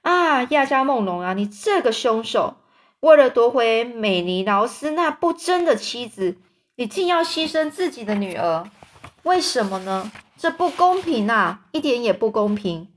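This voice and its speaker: A woman's voice: fairly high pitch, expressive, a little fast, natural voice. A woman voicing a frightened, grief-stricken queen and mother who cries out accusations in a storybook reading. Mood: anguished. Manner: trembling, hysterical, accusing. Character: anguished queen, a wife and mother.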